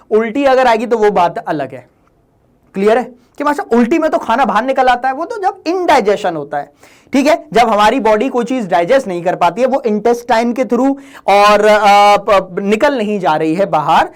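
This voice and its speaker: A male teacher giving an exam-prep lesson in a joking, teasing way. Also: high voice. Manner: joking, playful, teasing students. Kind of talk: exam-prep lesson in Hindi-English mix.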